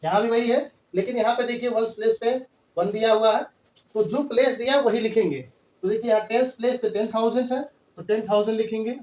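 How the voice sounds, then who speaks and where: A man's voice: very high-pitched, a little fast. A man teaching a maths lesson in Hindi-English mix, patiently counting out place values step by step. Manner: patient, repetitive counting aloud. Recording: echoey room, voice from far off.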